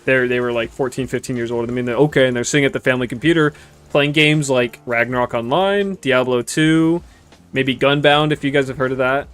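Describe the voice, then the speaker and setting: A smooth mid-range male voice, a little fast. This twenty-something gaming streamer chats with viewers during gameplay, his commentary relaxed and rambling, with casual swearing mixed in.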